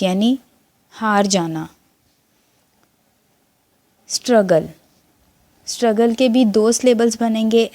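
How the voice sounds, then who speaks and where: A woman teacher with a Pakistani accent going through a textbook lesson, reading English lines slowly and explaining them in Urdu. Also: mid-range voice, dark tone.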